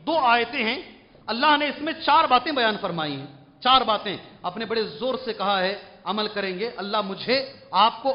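This is a man with a very high voice, giving a Quran commentary lecture as a scholar in a large mosque hall. He speaks emphatically and keeps asking his listeners questions. The sound is dull and lo-fi, and a long reverb trails after each phrase. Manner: emphatic, asks the audience questions. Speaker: Islamic scholar.

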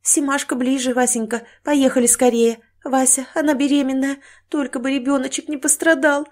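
A kind older countrywoman frets and weeps, her voice lifting high with worry, as a woman narrator plays her. It is an audiobook reading. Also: little pitch movement, normal speed, natural voice. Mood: worried. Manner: fretting, tearful exclamations.

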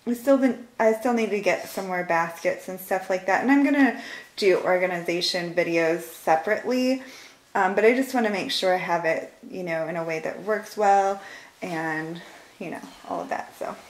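This is a casual home tour vlog: a woman in her forties with a Michigan accent films indoors as she moves through her house, laughing frequently and drifting off mid-sentence. Her voice sits lowish and moves at a normal speed, and the audio is poor.

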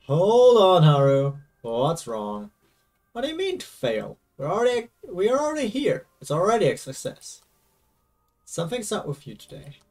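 Brief: man reading a troubled young male protagonist, slightly raised pitch, faint background music. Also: big pitch swings, normal speed, husky, distant mic. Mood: confused. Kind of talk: reading game dialogue aloud.

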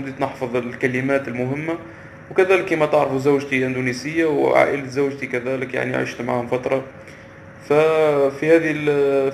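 A man chats quickly to camera, halting and restarting as he searches for words. His voice is gravelly and stays flat. The recording is roomy, with faint ambience behind him. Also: medium pitch, a little hiss or hum. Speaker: vlogger. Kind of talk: casual vlog to camera.

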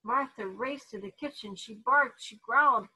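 A woman reading a children's storybook aloud with animated delivery, putting on voices for the characters. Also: a little high, moderate pace, husky, poor audio. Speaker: therapy dog handler reading to kids.

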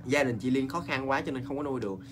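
A man with a Southern Vietnamese accent, hosting a ghost story show in a chatty, animated way and talking straight to his viewers. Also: medium pitch, a little hiss or hum. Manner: animated, talks straight to viewers, quick asides and laughs.

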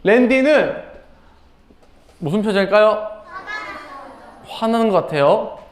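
A preschool Sunday school teacher telling a children's sermon, animated and full of questions to the kids. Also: mid-range voice, slow pace, reverberant, a little hiss or hum.

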